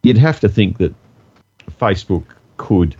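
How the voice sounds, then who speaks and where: A man co-hosting a podcast, talking in a measured, hesitant way with many pauses. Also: low voice, big pitch swings, warm tone, slightly rough, lo-fi sound. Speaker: podcast co-host. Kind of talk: casual chat.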